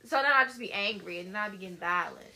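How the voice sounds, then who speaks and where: A woman's voice: mid-range voice, quick pace, bright, forceful tone. A woman in her twenties co-hosting a casual podcast, blunt and matter-of-fact, often laughing. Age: 20s. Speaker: podcast co-host. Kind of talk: casual chat.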